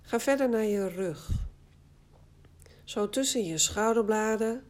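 A woman guiding a body scan relaxation exercise, speaking calmly and soothingly in short phrases with long pauses. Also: fairly high pitch. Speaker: guided meditation instructor.

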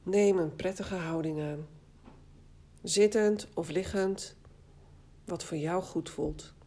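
A woman guiding a body scan relaxation exercise, speaking calmly and soothingly in short phrases with long pauses. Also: on the low side. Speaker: guided meditation instructor.

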